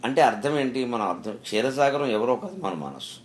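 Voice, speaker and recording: Brief: middle-aged man, spiritual discourse, animated storytelling with rhetorical questions. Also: mid-range voice, fairly quick. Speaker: spiritual speaker.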